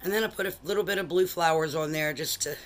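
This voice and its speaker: A low-voiced woman talks at a quick pace while showing her buffet table in a laid-back show-and-tell vlog. She's a collector recording on a handheld phone camera indoors in her home dining room.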